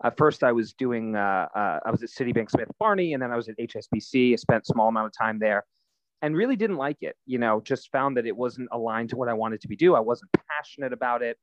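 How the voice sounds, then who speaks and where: A man's voice: medium pitch, quick pace, no room sound. Interview guest, man in his thirties, easygoing storyteller with lots of "uh"s, dry and muffled audio. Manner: relaxed storytelling, frequent fillers. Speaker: guest, nonprofit founder. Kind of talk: conversational interview answers.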